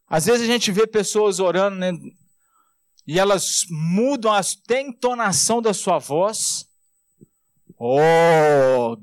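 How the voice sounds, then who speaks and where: High-voiced Brazilian pastor preaching. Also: male voice, dry recording. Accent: Brazilian Portuguese. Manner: conversational preaching, rhetorical asides, frequent tag questions; slows and drops low on key words, then rises fast. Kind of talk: sermon.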